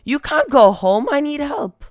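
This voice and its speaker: A podcast reader voicing a rude, demanding woman, a mother who shouts at a store worker for help. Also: sits high, big pitch swings, measured pace, no echo, studio quality, soft background music, voice pushed up. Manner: yelling, pushy.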